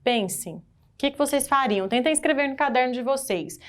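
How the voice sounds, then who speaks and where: Brazilian woman, exam-prep grammar teacher, animated and questioning, slightly high-pitched. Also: brisk. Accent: Brazilian Portuguese. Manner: animated, asks the class questions and stresses key words.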